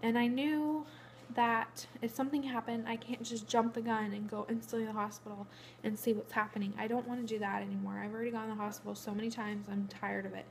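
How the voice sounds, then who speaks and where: A woman's voice: a little high, flat delivery, fast, gravelly, slight background noise. A young pregnant woman, out of breath, rambling through a matter-of-fact casual vlog update. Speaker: vlogger. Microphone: phone camera.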